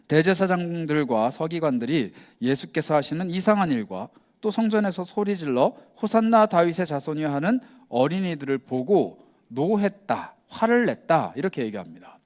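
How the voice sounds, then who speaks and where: A man preaching to young people with a higher voice and a wide, bouncing pitch that rises and falls. He tells the story in a casual, conversational way. He acts out the lines he quotes in small voices of their own. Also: very animated, moderate pace, darkish tone. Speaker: pastor. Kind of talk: youth worship sermon.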